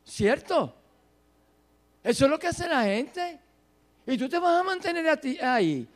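A man preaching a sermon, swinging between soft, low phrases and loud, drawn-out emphasis. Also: very animated.

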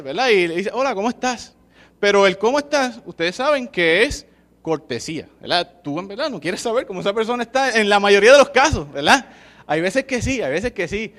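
A man's voice: high-pitched, fairly bright tone. A man with a Puerto Rican accent giving an informal sermon, chatting with the listeners and often asking "¿verdad?" as he tells a story. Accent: Puerto Rican Spanish. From Puerto Rico.

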